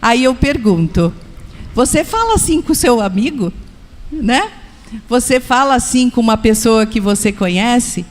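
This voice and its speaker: A woman's voice: a little high, lively intonation, measured pace. A woman with a Brazilian accent teaching at a church congress, personal in tone and asking the listeners direct questions. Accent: Brazilian Portuguese. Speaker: church speaker. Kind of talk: sermon-style teaching. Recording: echoey hall with long reverb.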